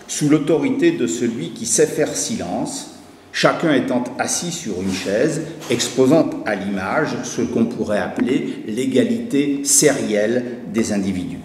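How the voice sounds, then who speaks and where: A man's voice: mid-range voice, a little mellow. A man giving a conference talk, reading a prepared academic paper, then hesitating and restarting when he speaks freely. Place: university lecture hall. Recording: echoey hall recording with faint noise.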